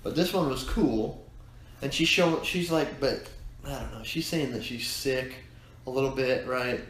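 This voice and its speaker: A man's voice: medium pitch, moderate pace, a bit bright. A man, co-hosting a podcast, telling a long, rambling story in casual chat with many restarts. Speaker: podcast co-host. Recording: echoey room, faint noise.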